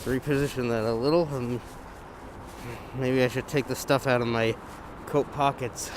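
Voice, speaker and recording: This man speaks at a medium pitch, in a steady tone and at a moderate pace, his words a little muffled by a balaclava. Riding an electric bike on an outdoor trail, he chats casually and hesitantly for his vlog, recorded with a gimbal camera or lapel mic with windscreen over wind, motor and traffic noise.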